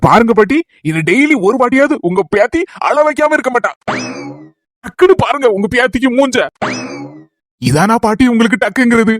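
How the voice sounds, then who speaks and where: A cheeky young husband with a Kanyakumari Tamil accent, played by a man, joking and teasing without a pause. His pitch bounces lively and his pace is quick. The recording is dry and close. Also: no room sound. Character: teasing young husband, playful son-in-law. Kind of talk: comedy skit.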